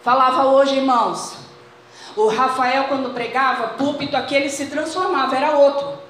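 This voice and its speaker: A woman's voice: high-pitched, fairly even intonation, normal speed, a bit bright. A woman with a Brazilian accent preaching a fervent sermon to her congregation in a church. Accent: Brazilian Portuguese. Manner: fervent, addresses congregation as brothers. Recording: very echoey church hall, faint noise.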